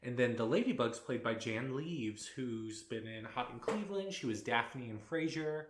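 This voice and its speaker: A man co-hosting a podcast, talking in a loose, rambling way full of fillers. His voice sits at a middling pitch. It is recorded in a room with noticeable echo. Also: animated, moderate pace. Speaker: podcast co-host. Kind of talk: casual chat. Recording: echoey room.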